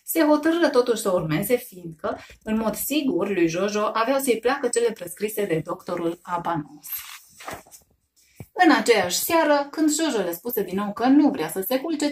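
A woman storyteller reading a children's story aloud, expressive and lively. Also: medium pitch, slight background noise.

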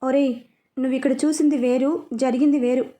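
A woman's voice: high voice, fairly even intonation, fairly quick, dark tone, natural voice. A woman reading a caring young husband. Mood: concerned. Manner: concerned, puzzled.

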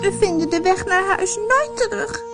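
A woman's voice: very high-pitched, expressive, moderate pace, over loud music, voice pushed up. A woman voicing a frightened little girl who sobs in a storybook reading. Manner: sobbing, fearful.

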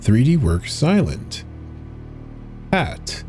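Soft music plays behind a man with a mid-range, darkish voice who reads on-screen web pages and installer text slowly and in a sing-song way. He's narrating a horror video, making it dramatic and adding brief casual remarks as he clicks.

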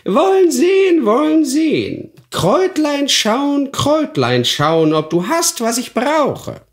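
A man puts on a shrill, croaking old fairy-tale witch, hunched and spiteful, who mutters her words in drawn-out, sing-song repetitions. Her voice sits far above a normal speaking pitch and stays hoarse throughout. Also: big pitch swings, exaggerated voice. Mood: sly.

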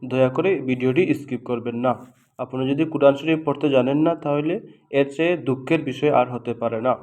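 A man's voice: medium pitch, darkish tone, roomy sound. Bengali-accented man teaching Quran reading. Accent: Bangladeshi Bengali. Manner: patient, repeats syllables slowly for learners to copy. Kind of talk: step-by-step lesson on reading Arabic letters.

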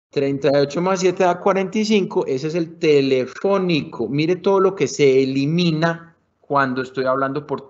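Animated Colombian sales trainer, dull audio. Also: male voice, a little high. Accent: Colombian Spanish. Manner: animated, varies loudness and speed for emphasis; colloquial, addresses audience as muchachos. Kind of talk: live online sales workshop. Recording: somewhat dull lo-fi video call audio.

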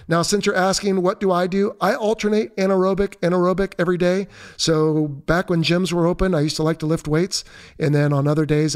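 Upbeat fifty-year-old male podcast host. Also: high-pitched. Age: 50s. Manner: relaxed, joking, conversational. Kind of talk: reading listener questions and answering.

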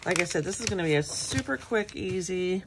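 A middle-aged craft channel host talks while she works on a journal page in her home craft room, chatty and rambling in her morning voice. She speaks fairly quickly and animatedly at a fairly low pitch, with noise in the background.

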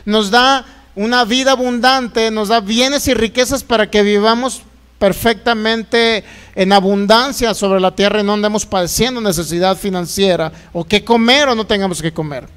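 A man's voice: high-pitched, moderate pace, fairly bright tone, clean tone. A man preaching a sermon as pastor, folksy, acting out complaints in a raised voice.

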